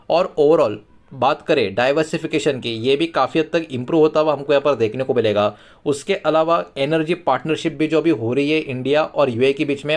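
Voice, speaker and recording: A man with an Indian accent presenting market news as an explainer, going point by point. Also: medium pitch. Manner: repetitive hedging catchphrases, point-by-point explaining. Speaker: finance news YouTube host.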